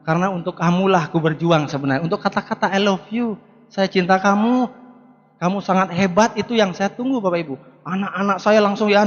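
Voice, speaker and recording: A motivational business speaker in his forties gives an emphatic seminar speech to a live audience in a large hall, repeating rallying words and addressing the crowd directly. His voice is high-pitched and fairly bright. The recording has hall echo and a dull lo-fi quality.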